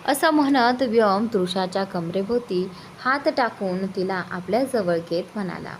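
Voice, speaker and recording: A woman narrating a romantic story as a storyteller in a steady, even reading voice. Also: medium pitch, slight background noise, poor audio. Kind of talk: scripted narration.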